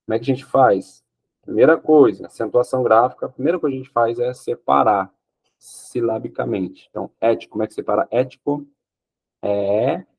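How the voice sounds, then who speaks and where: A man's voice: mid-range voice, brisk, creaky, darkish tone, slightly rough. A man teaching Portuguese grammar for an exam, explaining step by step, asking questions and answering them himself, often checking with "ok?". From Brazil. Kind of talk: exam-prep grammar lesson.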